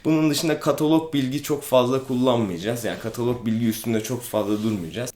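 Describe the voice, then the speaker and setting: A man, an aikido instructor, explains things calmly in a casual vlog, with many hesitant fillers. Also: on the low side. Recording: echoey room.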